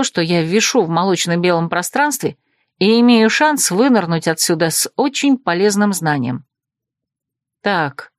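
Woman narrator for a first-person audiobook; lively and wry, mid-pitched, dry studio sound. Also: no echo. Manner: lively, expressive, wry inner monologue.

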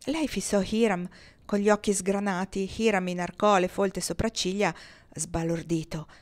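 Woman audiobook reader, mid voice, expressive storytelling. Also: mid-range voice, moderate pace. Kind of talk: audiobook narration.

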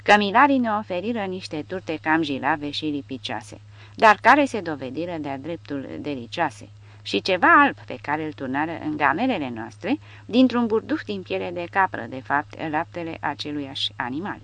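A woman's voice: low voice, animated, a bit bright. A woman narrating an audiobook expressively. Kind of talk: scripted narration.

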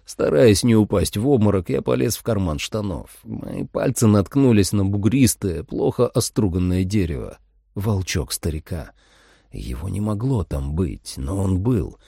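A man narrating a first-person monster-hunting audiobook in a steady storytelling voice. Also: on the low side, measured pace, creaky, slightly rough, no echo, clean studio sound.

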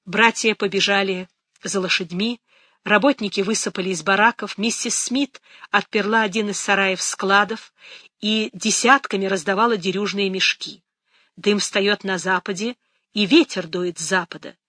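A narrator reading a novel aloud in a measured, dramatic audiobook style, recorded close to the mic. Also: mid-range voice, fairly even intonation, sharp tone, dry recording.

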